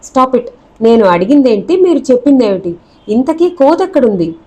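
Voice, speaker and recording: A woman's voice: fairly high pitch, expressive, moderate pace. A woman voicing a self-important male bus conductor in a storybook reading, questioning with suspicion and pomp. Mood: pompous.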